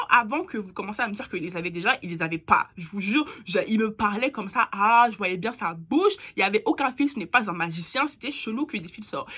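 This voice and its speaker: A young woman telling a personal story in a casual, slangy, animated way, dropping to a hushed voice for asides. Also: slightly rough. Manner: chatty, animated, slangy, with bursts of squeaky laughter and hushed asides. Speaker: vlogger.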